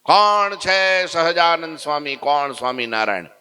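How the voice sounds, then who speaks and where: A man voicing an arrogant male tantric sorcerer who shouts threats. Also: fairly low pitch, a little fast, smooth, voice pushed down, natural voice. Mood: demanding. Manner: shouting, boastful, domineering.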